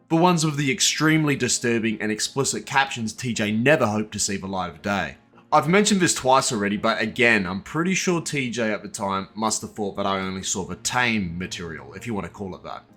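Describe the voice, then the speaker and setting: Faint music plays behind a man with a fairly low, expressive, slightly bright voice who talks a little fast. He's narrating a scripted exposé in a casual, blunt, profane style, directing sardonic asides right at his target.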